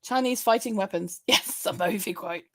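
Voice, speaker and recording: A woman's voice: medium pitch, normal speed. A woman hosting a casual live stream, chatting in a rambling way, laughing often and answering viewer comments.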